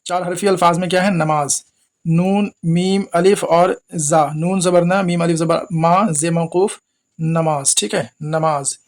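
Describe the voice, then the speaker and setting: A man's voice: fairly high pitch, fairly even intonation, measured pace. A man teaching Urdu spelling who spells each word out letter by letter, asks his viewers questions and repeats every word.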